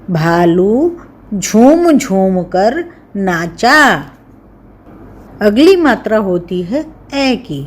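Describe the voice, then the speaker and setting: Very slow, careful woman teacher. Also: mid-range voice, a little mellow, breathy edge. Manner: very slow, careful, drawn-out word by word. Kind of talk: slow dictation of words and sentences.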